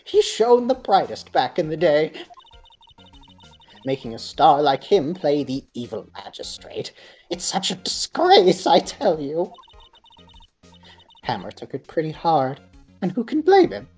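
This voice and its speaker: Gruff old security guard, gangster-ish drawl, husky and low, voiced by a woman. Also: wildly swooping pitch, measured pace, pauses often, darkish tone, soft background music, exaggerated voice. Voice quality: strained, gravelly put-on voice. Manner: slangy, drawling old-timer speech.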